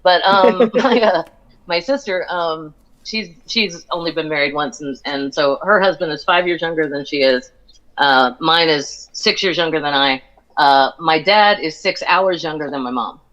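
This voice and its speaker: A woman's voice: low voice, a bit bright. A woman in her forties, from the United States, chatting casually and cracking jokes with easy laughter. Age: 40s. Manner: joking and quick to laugh. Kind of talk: casual chat. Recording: dull lo-fi stream audio.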